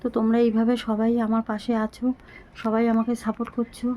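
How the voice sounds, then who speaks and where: Middle-aged woman vlogger, short of breath and weak, flat halting delivery, mellow phone-camera sound. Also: a little high, low-quality recording. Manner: slow, halting, pleading. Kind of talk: casual talk to viewers.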